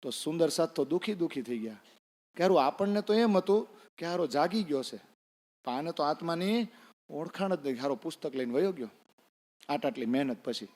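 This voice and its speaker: A man's voice: fairly high pitch, animated, brisk, pauses often, darkish tone. A man tells a devotional story in a sermon. He acts out the characters' lines and asks the listeners questions. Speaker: preacher. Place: temple hall. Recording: long reverb in a temple hall.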